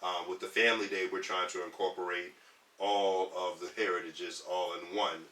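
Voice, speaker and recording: A man in his thirties from Detroit talks earnestly as a podcast guest, his slightly low voice carrying a bright, forceful edge. He rambles through ums and restarts. He sits away from the mic in an echoey room. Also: little pitch movement, normal speed, recorded from a distance. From Detroit, US Midwest. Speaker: podcast guest, community organizer. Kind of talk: casual podcast conversation.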